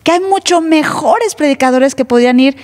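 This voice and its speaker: A woman's voice: high voice, normal speed, darkish tone. Emphatic woman pastor preaching in a hall. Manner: emphatic, teasing, plays other voices. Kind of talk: sermon. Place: church. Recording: live church hall reverb.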